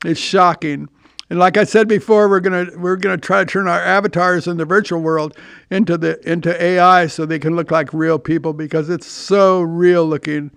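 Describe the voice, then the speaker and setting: Gravelly, high-voiced older man rambling. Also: a bit bright, dry recording. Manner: rambling, profane, repeats words. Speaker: podcast host. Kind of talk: casual monologue.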